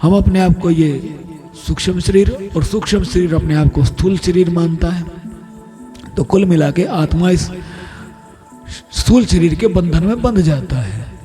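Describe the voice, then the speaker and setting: Man, preacher, devotional sermon, rhetorical questions, high pitch, warm mellow tone. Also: a little slow, long pauses, soft background music. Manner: explains by asking and answering his own questions. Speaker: spiritual preacher narrating a scripture discourse.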